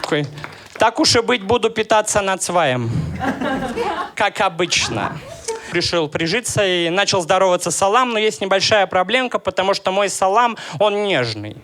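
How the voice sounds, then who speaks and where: A man in his thirties from Russia works through a stand-up set, dry and ironic, chatting with the crowd between jokes. His voice sits fairly high for a man. The live club recording carries clear background noise. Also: expressive, normal speed, fairly bright tone. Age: 30s. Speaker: stand-up comedian.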